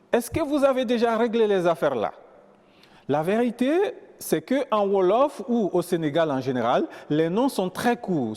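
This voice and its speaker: Lively man teaching pronunciation. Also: on the high side, big-room sound. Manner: didactic, slows down to demonstrate words. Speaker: TV language presenter. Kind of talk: televised pronunciation lesson.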